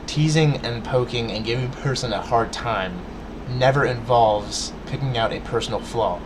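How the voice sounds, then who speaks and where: Speaking at a moderate pace in a mid-range voice, a man rants casually to his camera amid a noisy background. He's earnest and preachy toward viewers, and he stutters, restarts and fills gaps often.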